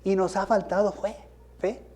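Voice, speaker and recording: A man's voice: high-pitched, flat delivery, unhurried, mellow. A male pastor gives a sermon. He asks rhetorical questions and rises into emphatic bursts.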